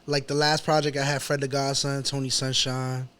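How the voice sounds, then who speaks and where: A rapper from New York City, speaking with a New York accent, appears as a guest in a casual podcast interview, talking informally with slang and repeating himself. His medium-pitched voice stays fairly flat at normal speed, with a clear, resonant, slightly bright tone.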